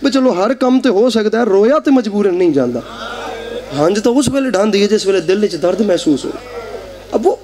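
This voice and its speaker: A man with a Punjabi accent delivering a mourning sermon at a live gathering, full of fervent emotion. His voice sits notably high for a man, and he leans into each line with pleading intensity. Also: mellow. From Pakistan. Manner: emotional, repeatedly swearing by God, mixing Urdu and Punjabi. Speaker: zakir reciting at a mourning majlis. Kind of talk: impassioned mourning sermon recitation.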